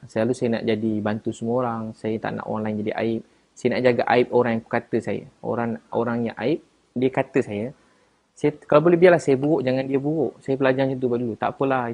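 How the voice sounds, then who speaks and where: A man with a Malaysian Malay accent, chatting casually on a live stream as he answers viewers and defends himself, getting louder and higher at times.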